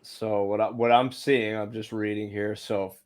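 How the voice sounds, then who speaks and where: A man interviewing in a casual, low-key way, reading things out and careful to stay neutral. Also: level tone, unhurried. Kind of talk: casual chat, reading out records.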